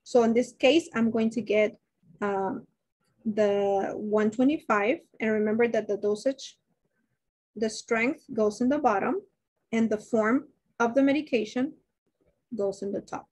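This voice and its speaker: Speaking at an unhurried pace in a fairly high, slightly mellow voice, a woman who teaches nursing tackles a dosage problem in a live online lecture. She thinks aloud, restarts often and asks the class questions, appearing indoors on a webcam alongside shared slides.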